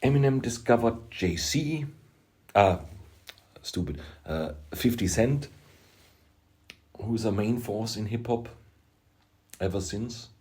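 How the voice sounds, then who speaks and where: Slow, low-voiced Austrian man. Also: warm tone. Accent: Austrian German. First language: German. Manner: emphatic, halting, self-deprecating asides. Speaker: music producer and rapper. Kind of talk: opinionated vlog monologue.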